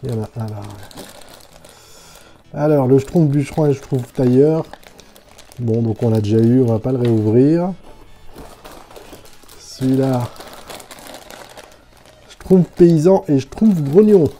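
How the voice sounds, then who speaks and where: A man's voice: medium pitch, a little slow, long pauses, dark tone, slight background noise. A man chatting casually as he unboxes toys, thinking aloud and describing each figure in detail. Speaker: toy reviewer.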